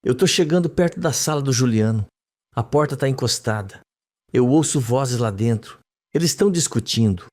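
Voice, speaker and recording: Man reading as a young woman under hypnosis, dreamy, trembling, lively pitch. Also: normal speed, close to an everyday voice. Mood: tense. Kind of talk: read-aloud soap recap.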